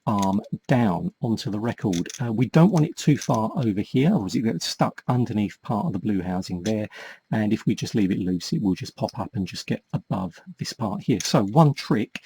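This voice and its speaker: Hosting a toy repair tutorial, a man walks through a casual step-by-step demonstration while working with his hands. His lowish, slightly husky voice is mellow yet lively in intonation, and he explains patiently, a little hesitantly, at a moderate pace.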